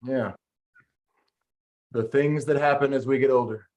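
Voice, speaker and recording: His voice is mid-range, steady and darkish, and he never hurries. The middle-aged man is hosting a podcast, chatting casually in an interview setting and drifting into playful stories.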